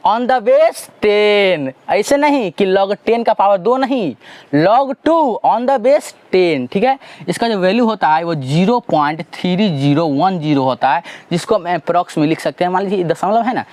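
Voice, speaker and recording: A man with a Bihari Hindi accent teaching a math lesson, asking and answering his own questions and drawing out each formula slowly. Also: high-pitched, a little mellow.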